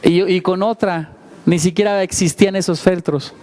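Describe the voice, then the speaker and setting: High-voiced man preaching conversationally. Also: fairly even intonation, moderate pace, noisy background. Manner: conversational preaching with frequent rhetorical questions; self-deprecating asides. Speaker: pastor. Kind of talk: sermon.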